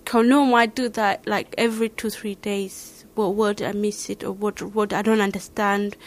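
A woman from Somalia with a Somali accent, answering interview questions in halting, searching English. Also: mid-range voice, flat delivery. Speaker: learner interviewee.

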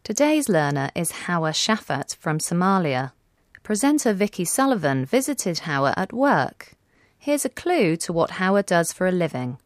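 A woman's voice: fairly low pitch, very animated, moderate pace, no room sound. A woman reading a scripted radio programme introduction. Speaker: programme announcer.

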